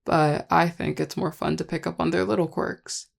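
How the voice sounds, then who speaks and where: A performer voicing a charming, affectionate vampire lover in an intimate audio role-play, teasing and tender in a relaxed, gravelly voice. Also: mid-range voice, moderate pace. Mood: fond, teasing. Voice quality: gravelly, heavy vocal fry. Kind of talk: intimate audio role-play, one-sided dialogue to listener.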